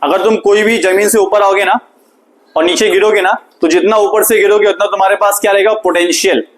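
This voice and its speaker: A man, teaching a physics lesson through an animated story and repeated questions to the class. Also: high-pitched, a little fast, poor audio.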